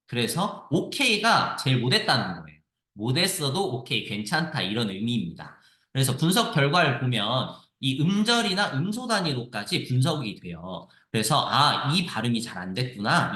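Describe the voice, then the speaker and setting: Lively Korean man explaining in an echoey room. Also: mid-range voice. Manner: lively explanatory, repeats phrases. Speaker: teacher demonstrating a reading app. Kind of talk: screen-share tutorial.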